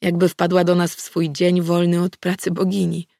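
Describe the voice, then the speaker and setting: A woman reading a first-person novel aloud as an audiobook narrator, in a measured, even manner. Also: on the low side, gravelly, dry recording, studio quality.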